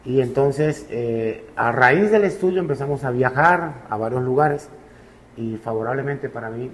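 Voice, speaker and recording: Relaxed Cuban man telling his story. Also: medium pitch, moderate pace. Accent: Cuban Spanish. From Cuba. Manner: relaxed storyteller, many fillers. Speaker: musician guest.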